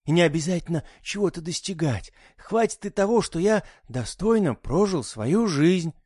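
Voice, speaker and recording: A man voicing a weary, pious old father with a dry voice, quiet and reproachful. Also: high voice, lively intonation, normal speed, slightly rough, no echo, pitched above the performer's own voice. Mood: calm.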